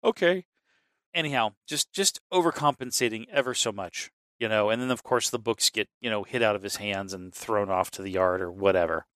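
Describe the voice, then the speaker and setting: A man's voice: lowish voice, brisk, few pauses, no echo. A man co-hosting a casual movie chat, rambling and swearing as he tells scenes. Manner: rambling, profane, animated storytelling. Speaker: podcast co-host.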